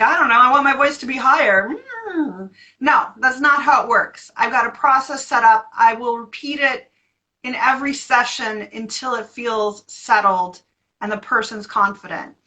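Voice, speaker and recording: Bright-voiced American woman therapist. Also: a little high, rough recording. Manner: animated, playful, demonstrates voices. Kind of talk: interview answers.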